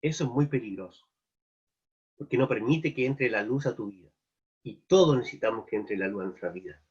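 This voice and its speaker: A man's voice: mid-range voice, animated, a little fast, a little mellow, husky. A man with a Chilean accent preaching a sermon at a live virtual church meeting, earnestly asking his listeners one searching question after another. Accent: Chilean Spanish. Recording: dull lo-fi online meeting audio.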